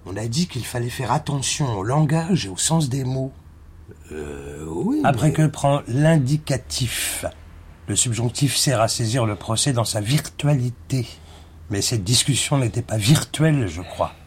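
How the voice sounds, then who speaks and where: An actor playing a pedantic adult clone in a radio drama, hesitant and nitpicking about grammar. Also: male voice, mid-range voice, lively intonation, moderate pace, husky.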